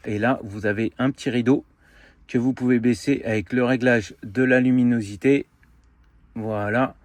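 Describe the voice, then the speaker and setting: A man giving a relaxed, casual product demo and review from inside a car, pausing often to find his words. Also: mid-range voice, no echo. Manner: relaxed, hesitant with frequent filler pauses.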